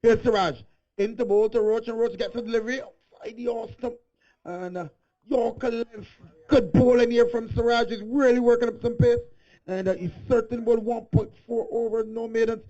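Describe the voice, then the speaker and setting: A man giving live cricket play-by-play, excitable and rising to shouts on big hits, heard on a dull lo-fi recording. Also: very high-pitched, normal speed. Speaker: cricket commentator.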